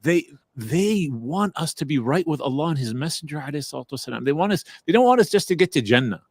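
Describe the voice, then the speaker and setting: A man's voice: on the high side, sing-song, fast, no echo, studio quality. A man co-hosting a casual religious chat, speaking reflectively as he recounts memories of his teachers. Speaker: co-host, Islamic teacher.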